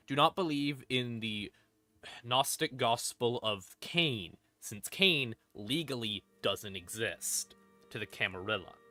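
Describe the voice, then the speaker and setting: Ambient background music plays under a man's voice as he explains lore on a stream in an unscripted, irreverent manner, swearing freely. His voice is mid-range and sharp in tone. There's no echo.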